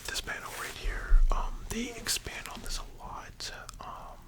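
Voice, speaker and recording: Young asmr host doing a quiet library whisper, sleepy n chatty, rambles off on little asides. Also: unhurried. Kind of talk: whispered ASMR commentary on anime and manga.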